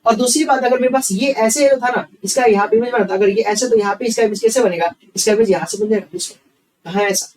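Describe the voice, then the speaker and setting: Quick, high-voiced man teaching. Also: a little mellow, recorded from a distance, poor audio. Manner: talks himself through sums aloud, repeating each step; calls students bhaiya, asks questions and answers them himself. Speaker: reasoning teacher. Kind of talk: online exam-prep class.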